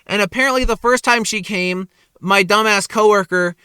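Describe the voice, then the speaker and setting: Young guy vlogger, bright smooth voice, dry close sound, swears a lot while ranting. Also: high voice, moderate pace, dry recording. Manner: animated, profane ranting about work. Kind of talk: casual storytelling monologue. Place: parking lot at night.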